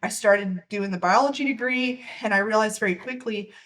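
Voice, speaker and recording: A woman's voice: mid-range voice, moderate pace, a bit bright. A young woman co-hosting a casual podcast, a little out of breath, chatting with frequent restarts and laughs. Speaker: podcast co-host.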